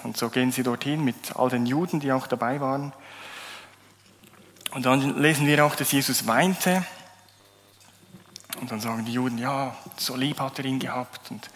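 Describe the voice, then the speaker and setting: A man's voice: medium pitch, a bit bright. A man in a medium register delivers a sermon, reading scripture aloud and then talking it through in an easy, conversational way. He stumbles and restarts now and then. His voice carries a long reverb from the hall he is in. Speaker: preacher.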